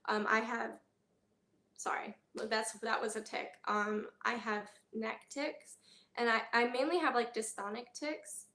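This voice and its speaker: A woman talking candidly in a personal health vlog, halting often with fillers and pauses. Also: fairly high pitch, a bit bright, roomy sound. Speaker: vlogger.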